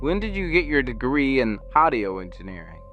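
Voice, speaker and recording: A man's voice: medium pitch, big pitch swings, brisk, muffled recording, natural voice. A man voicing Pablo, a skeptical Texan farmer who speaks in a dry, sarcastic way over light music.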